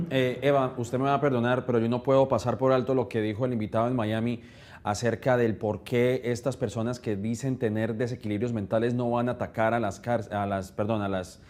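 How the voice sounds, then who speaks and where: A man, a panel analyst in a live news debate, making a measured, deliberate argument. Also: medium pitch, steady tone, darkish tone.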